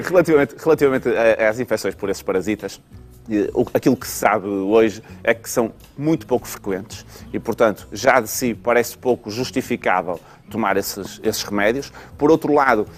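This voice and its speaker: Calm Portuguese pediatrician explaining. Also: male voice, on the low side. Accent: European Portuguese. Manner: calm, explanatory, with frequent fillers. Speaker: pediatrician guest. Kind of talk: explanatory talk-show chat.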